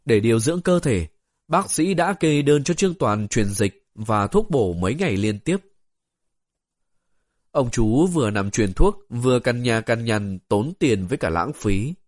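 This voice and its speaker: A man narrating an audiobook story in a steady, even storytelling way. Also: medium pitch, measured pace, dry recording, studio quality.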